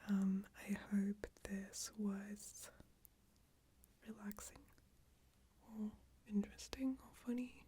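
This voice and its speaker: Hushed, slow, whispering ASMR woman. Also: mid-range voice, steady tone. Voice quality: hushed, breathy, mostly whispered voice. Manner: hesitant, self-deprecating, casual. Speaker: ASMR video creator. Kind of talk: soft-spoken ASMR bedtime ramble. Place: small closed room with screens and a PC. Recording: faint background noise, occasional crackles and clicks. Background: occasional crackling from screens and PC.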